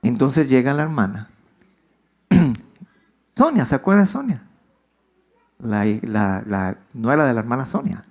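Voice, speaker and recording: In church, a very animated male pastor speaks a little slowly, leaving long pauses, his tone darkish and his pitch swinging widely. He tells stories conversationally and questions his congregation.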